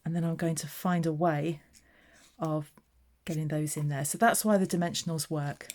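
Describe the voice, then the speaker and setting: An Englishwoman from the southeast demonstrates card making, chatting casually and narrating each step as she goes. Her voice is deep and darkish, with fairly even intonation and a normal speaking speed.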